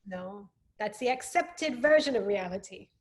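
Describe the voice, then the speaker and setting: On a podcast, a woman guest with a medium-pitched voice and lively intonation speaks unhurriedly in a reflective conversation. She's thoughtful and articulate, frequently chiming in with agreement.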